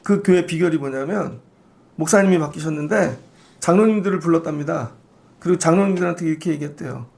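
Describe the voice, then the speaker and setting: A man's voice: a little high, fast talker, vocal fry, a little mellow. A man pastor giving a conversational Friday prayer sermon, acting out the voices of the people he quotes. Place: church sanctuary.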